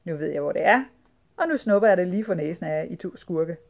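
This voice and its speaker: Small sneaky boy, read by a woman, quiet inner thoughts for a storybook. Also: fairly low pitch, lively intonation, gravelly. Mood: scheming. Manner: quiet, muttering to himself.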